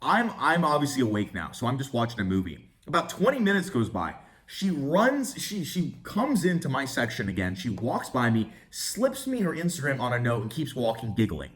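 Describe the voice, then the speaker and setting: Brash, animated young man telling a story. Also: mid-range voice, moderate pace, few pauses. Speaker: dating coach. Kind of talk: storytelling vlog.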